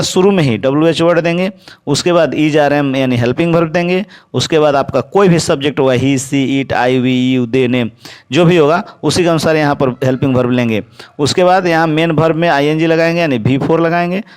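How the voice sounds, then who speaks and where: A man teaching a spoken English grammar lesson, explaining step by step, asking and answering his own questions, and slowing right down to dictate the example sentences. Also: a little high, clear, resonant tone.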